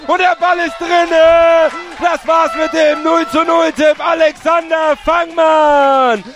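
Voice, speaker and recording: A male football commentator with a high voice delivers screaming goal commentary. He shouts excitedly and draws his words out as he calls the match live. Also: slow pace, crowd noise. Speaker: sports commentator.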